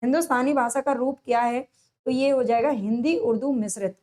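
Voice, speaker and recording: A woman teaching a lesson for competitive exams. She asks each question, answers it herself, and repeats the key answers slowly with stress. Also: fairly high pitch, a little mellow. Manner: drawn-out, stressed delivery on answers. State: sore throat. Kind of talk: exam-prep lesson, solving multiple-choice questions.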